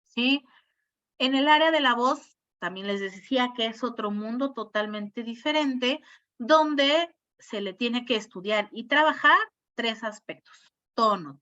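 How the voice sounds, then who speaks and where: A woman's voice: on the high side, pushed and bright. A woman, a speech therapist giving an informal talk, explaining step by step and checking in with her listeners. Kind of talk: informal online lecture. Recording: muffled lo-fi audio.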